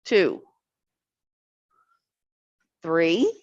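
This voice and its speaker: Woman leading a gentle exercise class. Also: fairly low pitch, sing-song, extremely slow, no echo, highs cut off. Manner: encouraging, counts reps aloud. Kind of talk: guided exercise class instruction.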